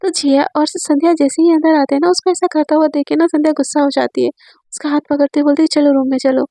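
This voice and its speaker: A woman's voice: sits high, steady tone, quick pace, creaky, warm tone, no echo. A woman retelling a romance story in a casual, chatty way, full of fillers. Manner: chatty, many fillers, voices characters' lines in her own voice.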